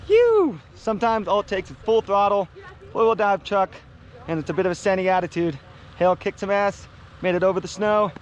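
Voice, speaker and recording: A man's voice: high-pitched, brisk, dull audio. Hyped young man vlogging outdoors. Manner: excited, hyped, shouting whoops. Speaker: kayaker vlogging a river trip. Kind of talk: casual outdoor vlog narration. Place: outdoors by a river and snowy road. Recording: loud outdoor noise of water and wind.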